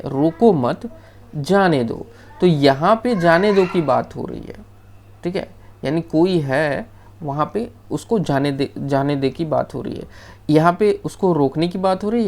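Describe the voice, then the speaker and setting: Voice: mid-range voice, animated, moderate pace, creaky, darkish tone. A teacher giving a screen-shared grammar lesson, explaining step by step in a loose, off-the-cuff way and often checking in with the class. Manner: loose, off-the-cuff delivery with restarts.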